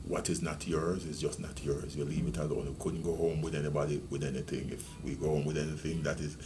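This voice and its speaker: This is a retiring police deputy commissioner, a deep-voiced Jamaican man in his sixties, telling stories in a reflective interview. He speaks in a measured, reminiscing way with little pitch movement, often saying um and starting over.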